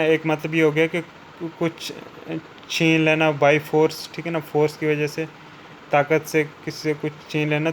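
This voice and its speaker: A man with a fairly high, flat, even voice talks through word meanings as a vocabulary teacher. He often checks in with a quick "theek hai na" and slows down when he reads out the English definitions. A faint hum of air conditioning runs underneath. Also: low-quality recording. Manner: repeats "ठीक है ना" after each point, slows down for English definitions. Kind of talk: explaining word meanings in Hindi.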